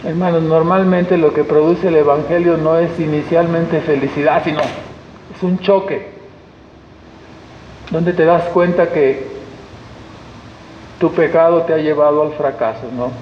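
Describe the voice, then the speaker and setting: A man's voice: on the high side, fairly even intonation, measured pace, pauses often, a little hiss or hum. A man preaching a sermon as pastor with a Mexican Spanish accent, talking conversationally and acting out the voices of people he quotes. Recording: echoey hall, dull lo-fi sound.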